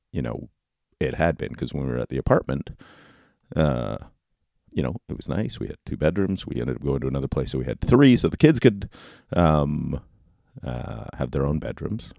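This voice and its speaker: A man hosting a podcast solo in a casual, rambling way, with halting, informal delivery. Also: a bass voice, vocal fry, warm tone, no echo, studio quality. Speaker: podcast host. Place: basement office at home. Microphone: close podcast microphone.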